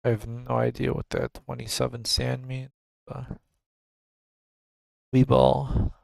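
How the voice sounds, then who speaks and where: A man's voice: medium pitch, moderate pace, vocal fry, no echo. A man streaming a game, casually thinking aloud about his moves at a desk microphone. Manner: relaxed, musing, thinking aloud. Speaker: gaming streamer. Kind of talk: casual gameplay commentary.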